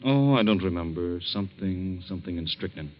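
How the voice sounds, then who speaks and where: An actor playing a smooth, scheming husband who talks in a casual, offhand way in 1940s radio acting. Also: male voice, deep voice, lively intonation, fairly quick, highs cut off. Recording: scratchy 1940s radio recording.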